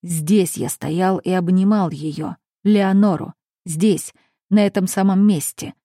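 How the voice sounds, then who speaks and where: A woman voicing a cold, domineering male dragon duke who speaks in low, insistent commands, in an audiobook. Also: takes it slowly, dark tone, no room sound, studio quality. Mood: brooding.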